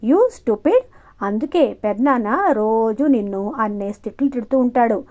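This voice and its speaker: A woman's voice: a little high, lively intonation, normal speed, natural voice. A woman voicing a bossy, defiant young female student who talks sharply, in audiobook dialogue. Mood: demanding. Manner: sharp, demanding. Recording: muffled lo-fi recording.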